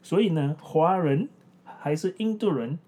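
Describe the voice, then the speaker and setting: A woman's voice: low-pitched, expressive, measured pace, warm tone. A woman from Malaysia with a Malaysian accent, chatting casually as a podcast co-host in non-standard Mandarin, like a foreigner searching for words and repeating herself. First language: English-schooled Malaysian Chinese, non-standard Mandarin. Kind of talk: casual unscripted podcast chat.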